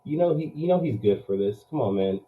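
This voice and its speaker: A man hosting a podcast live, chatting casually and pitching in an announcer style, heard through low-quality streaming audio. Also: expressive, brisk, phone-quality sound. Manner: hype-man pleading, announcer-style intro. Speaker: podcast host.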